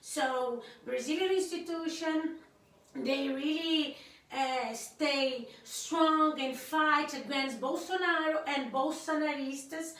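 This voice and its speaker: On her husband's vlog channel, an African woman whose first language is Creole casually shares her opinions to camera. Her voice sits high with a fairly bright tone, and she talks slowly and hesitantly, hunting for words with many fillers and restarts. The room is very echoey and she is far from the mic.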